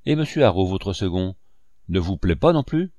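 A man reading an audiobook, voicing a calm, lightly ironic male doctor. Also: sits low, moderate pace, no echo. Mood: measured.

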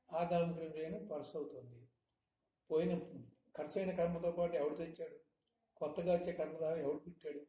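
A man giving a spiritual discourse, teaching with frequent rhetorical questions in a measured, emphatic manner. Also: on the high side, dark tone. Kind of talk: satsang discourse. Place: hall in Hyderabad. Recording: echoey room, faint noise.

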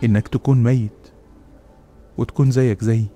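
A man's voice: medium pitch, steady tone, a little fast, loud music behind the voice, lightly acted. A man voicing a motherly old woman's ghost with an Egyptian accent, speaking tenderly and calling the listener her son. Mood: grave. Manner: tender, calls him "my son". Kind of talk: storytelling voice acting.

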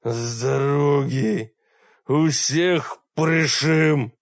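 Male reader voicing a hoarse, gruff wounded warrior, low and strained, on a dull dry recording. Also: drawn-out words, dry recording, full character voice. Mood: fierce. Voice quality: hoarse, rasping. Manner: gruff, curt.

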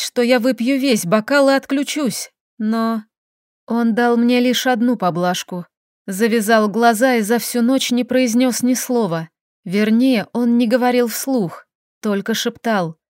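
Female audiobook narrator, first-person, measured delivery, dry close studio sound. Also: on the high side, darkish tone, dry recording.

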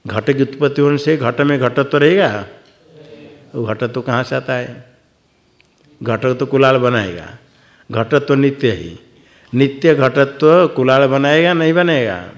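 A Vedanta teacher gives a scripture lecture in a medium-pitched voice with lively intonation, speaking unhurriedly and pausing often. He poses questions and answers them himself, repeating words for emphasis.

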